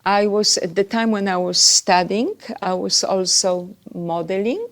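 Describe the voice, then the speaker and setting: A woman from Poland with a Polish accent, a podcast guest chatting about her life and career with pauses and fillers. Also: medium pitch, expressive. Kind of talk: podcast interview.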